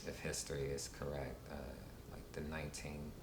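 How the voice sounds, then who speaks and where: A man in his thirties with an extremely low, flat voice answers interview questions in an unhurried, halting way, full of ums and uhs. He is recorded in a roomy space with a steady low rumble behind him. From Washington, D.C. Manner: unhurried, halting, many fillers.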